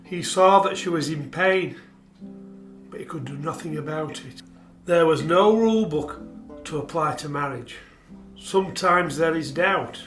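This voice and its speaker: Telling the tragic story of a marriage, an actor plays a grave, measured narrator whose male voice runs on the high side. He delivers it emphatically with repeated phrases, while soft plucked guitar sounds behind him in an echoing space.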